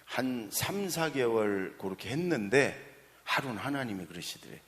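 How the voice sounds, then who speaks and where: A man preaches from the pulpit in a chatty, storytelling way, breaking off to talk directly to his listeners. His pitch rises and falls a great deal as he plays out the lines of the people in his story. Long church reverb follows each phrase. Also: normal speed. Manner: acts out quoted dialogue with lively swings in pitch; conversational, asides to the congregation. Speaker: pastor. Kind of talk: sermon with storytelling. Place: church sanctuary.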